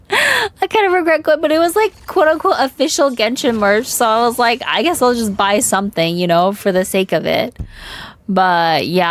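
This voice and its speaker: A woman from China chatting casually on a gaming livestream, candid and slangy with some swearing. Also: medium pitch. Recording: music playing behind voice.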